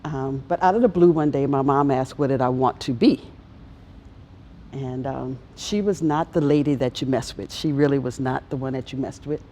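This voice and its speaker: A woman's voice: rumbling low, moderate pace, warm tone, slight background noise. A woman from Louisiana, a panel guest who tells her story in a playful, laughing way. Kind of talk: panel interview.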